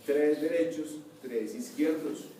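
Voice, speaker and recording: A man's voice: a little high, slow, mellow. A man giving a university anatomy lecture, explaining step by step and checking with his students. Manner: explains step by step, asks the class to confirm. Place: lecture hall. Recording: echoey hall from far off, faint noise.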